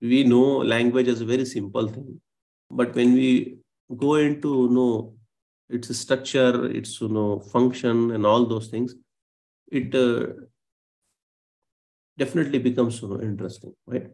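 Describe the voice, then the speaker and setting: A man's voice: medium pitch, steady tone, unhurried, gravelly, warm tone. A male lecturer on a live online class, explaining patiently with many fillers and self-corrections over a video call.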